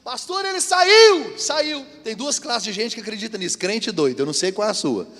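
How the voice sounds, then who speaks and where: A man preaching with a fairly high voice, lively and theatrical, slipping into high-pitched voices for the people he quotes. His sermon rings through a church hall with a long, echoing reverb. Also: fast. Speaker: pastor.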